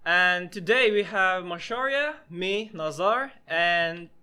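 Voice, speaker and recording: A man's voice: high voice, lively intonation, slow pace, sharp tone, clean tone. A young man hosting a casual podcast chat, talking hesitantly with many restarts and fillers. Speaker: podcast host.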